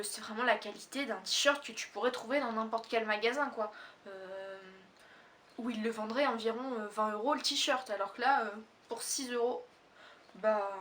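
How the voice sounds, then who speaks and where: A woman's voice: on the high side, fairly bright tone, far from the mic. A teenage girl from Réunion chatting casually through a clothing haul, rambling with many fillers and self-corrections. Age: teens. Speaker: fashion haul vlogger. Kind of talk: casual haul video chat.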